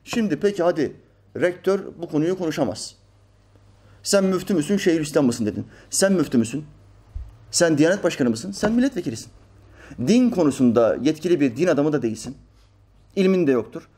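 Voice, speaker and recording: A man's voice: a little high, big pitch swings, brisk, mellow, slightly rough. A man preaching in a religious commentary talk, reading out news quotes and answering them with emphatic rhetorical questions.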